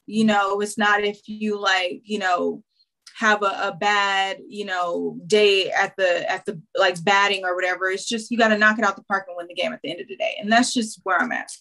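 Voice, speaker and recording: A woman's voice: mid-range voice, steady tone, normal speed, pushed and bright. A woman singer speaks in a casual interview, reflective and earnest. She leans on "um" and "you know" as she gathers her thoughts, in a mid-range voice. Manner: reflective, earnest, filler-heavy. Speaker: singer, artist guest.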